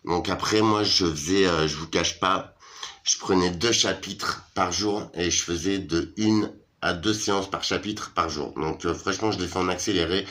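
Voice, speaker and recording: A man's voice: sits low, sharp tone. A tired man chatting casually to his followers in a vlog, hesitant and full of fillers, slangy and familiar. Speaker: vlogger.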